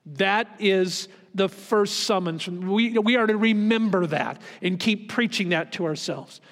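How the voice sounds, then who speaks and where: A male pastor preaching a sermon to his church, emphatic, slowing down to stress key words and rising in pitch for emphasis. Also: fairly bright tone, big-room sound. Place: church sanctuary.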